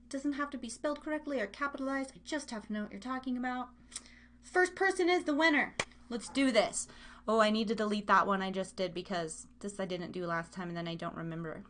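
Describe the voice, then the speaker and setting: A woman whose voice is on the high side and a bit bright hosts a live online radio show. As a radio and podcast host, she keeps things casual, playful, and rambling, interrupting herself often as she speaks directly to her audience.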